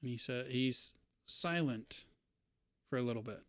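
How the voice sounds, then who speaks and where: A man's voice: mid-range voice, a little slow, fairly bright tone, dry recording, clean studio sound. A man narrating a tabletop role-playing game as game master in a conversational way.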